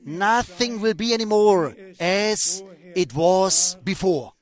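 An older man preaching a sermon in a slow, emphatic way, repeating his phrases and restarting as he goes. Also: high-pitched, expressive.

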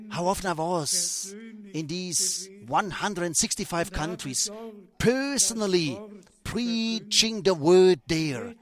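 An older man preaching a sermon in a slow, emphatic way, repeating his phrases and restarting as he goes. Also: high voice.

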